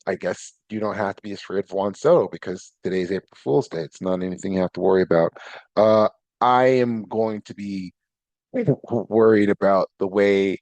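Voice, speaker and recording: A man with a fairly low voice talks through his solo podcast in a loose, rambling way, circling back and correcting himself as he goes. His pitch jumps up when he gets excited. The sound is close and dry, with no room behind it. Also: dry recording. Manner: rambling, self-correcting, animated pitch swings. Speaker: podcast host. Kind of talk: casual solo podcast talk.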